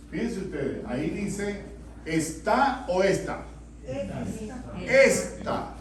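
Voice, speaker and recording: A male pastor preaching in a church vigil, asking his listeners questions and repeating their answers. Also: a little high. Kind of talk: interactive sermon with congregation reading. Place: church during an evening vigil. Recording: echoey church, distant mic, background noise.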